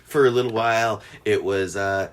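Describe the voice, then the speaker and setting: A man co-hosting a podcast in casual chat, rambling with fillers and restarts. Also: moderate pace. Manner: rambling, many fillers and restarts, lively pitch. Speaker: podcast co-host.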